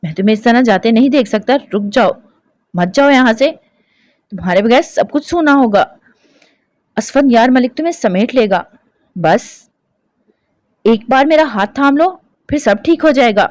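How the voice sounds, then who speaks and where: A woman's voice: fairly high pitch, expressive, normal speed, long pauses, darkish tone, no echo, natural voice. A woman voicing a devoted young man who speaks earnestly and firmly. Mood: pleading. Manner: earnest, firm.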